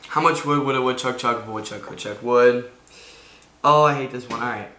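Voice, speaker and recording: Bright-voiced young man in an echoey room. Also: mid-range voice, brisk, slight background noise. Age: teens to young adult. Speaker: video host. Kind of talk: casual vlog chat. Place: indoors in a room at home.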